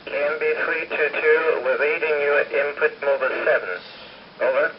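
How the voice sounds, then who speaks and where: A methodical radio base operator whose fairly high voice comes through a crackly two-way radio. He reads each message back formally, word by word. The film audio is muffled, with a faint hiss underneath. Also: fairly even intonation, normal speed. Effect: voice over a crackly two-way radio. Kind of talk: low-budget film dialogue.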